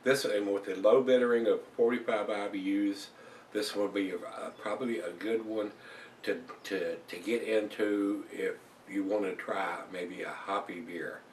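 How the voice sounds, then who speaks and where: An older man chats his way through a beer review in a relaxed, rambling way, with plenty of uh's. His voice sits on the low side. He is recorded at home by a camera across the room, so the sound is distant and roomy. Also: measured pace, a little hiss or hum. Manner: relaxed, chatty, with many fillers. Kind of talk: casual beer review vlog. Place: small room at home, indoors.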